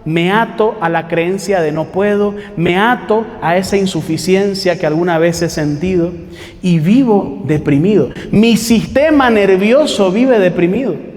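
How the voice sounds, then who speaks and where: A man's voice: high-pitched, a little slow, a little mellow, long reverb tail. A man preaching a sermon, talking conversationally with rhetorical questions and mocking quotes of what people say.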